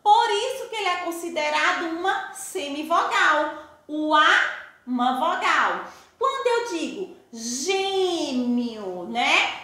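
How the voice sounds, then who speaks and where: High, lively Brazilian woman teacher. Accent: Brazilian Portuguese. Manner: patient, explains step by step with rhetorical questions. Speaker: primary school teacher. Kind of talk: recorded class lesson. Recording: echoey room.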